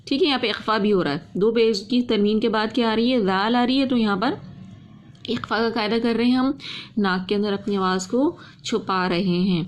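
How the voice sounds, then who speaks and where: A woman with a mid-range voice teaches Quran reading, slowly reciting and drawing out each word twice. She then explains quickly, posing questions and answering them herself.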